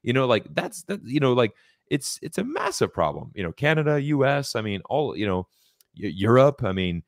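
A man's voice: medium pitch, big pitch swings, moderate pace, dry recording, studio quality. An American man in his forties talking casually in an interview, emphatic and repetitive, often restarting his phrases. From United States. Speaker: guest commentator.

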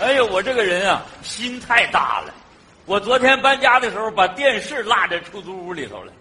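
A man with a Northeastern Chinese accent playing a forgetful, good-natured man who goes back to his old rented flat for his TV, in an exclaiming, lively comic stage style. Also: sits high, a little fast, background noise. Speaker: sketch comedy actor. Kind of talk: stage comedy sketch.

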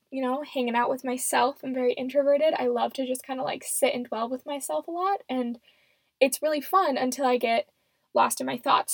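A woman's voice: high-pitched, gravelly, no room sound. A seventeen-year-old young woman hosting a casual, unscripted solo podcast in a rambling, self-deprecating way, recorded close and muffled in a closet. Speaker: podcast host. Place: small closet at home. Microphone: microphone.

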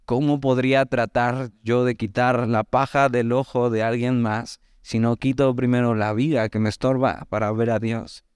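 Mexican man preaching, smooth dry voice. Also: medium pitch, no room sound. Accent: Mexican Spanish. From Mexico, Veracruz. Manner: conversational, animated asides, reads scripture slowly. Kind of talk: sermon, Bible teaching.

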